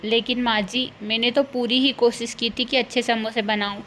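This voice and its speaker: Cartoon daughter-in-law, young woman, meek, hardworking, gentle, polite, pleading, voiced by a woman. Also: fairly high pitch, steady tone, normal speed, a little hiss or hum, natural voice. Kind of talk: cartoon voice acting.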